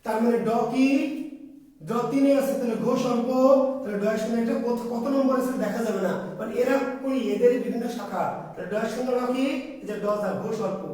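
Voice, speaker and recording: A man's voice: very high-pitched, a little fast, warm tone, recorded from a distance. A man teaching an exam preparation class, who keeps asking a question and then answering it himself. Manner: repetitive quizzing, asks and answers himself. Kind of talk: classroom lecture. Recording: echoey room, voice from off mic.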